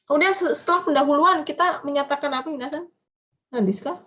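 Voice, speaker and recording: Female language teacher, higher-pitched, lively and coaxing. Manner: lively, coaxing students with questions, quick asides. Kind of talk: online class lecture.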